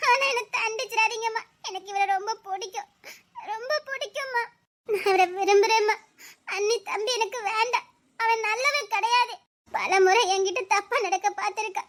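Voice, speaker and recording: A woman's voice: very high-pitched, moderate pace, a bit bright. A woman voicing a tearful pleading cartoon heroine. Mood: earnest. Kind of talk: cartoon voice acting.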